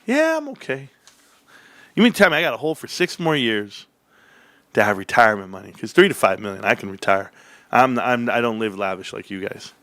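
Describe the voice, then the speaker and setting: A man in his forties hosting a casual stock livestream, calling his viewers "bros" and "guys". He jumps into high, hyped bursts, then drops to low muttering. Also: big pitch swings, brisk, pushed and bright, no room sound. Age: 40s.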